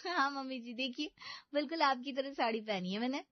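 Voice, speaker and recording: A woman's voice: high-pitched, moderate pace, dry recording, dull audio, close to an everyday voice. A woman voicing a naive, dim-witted young bride who talks innocently and sweetly in a cartoon story.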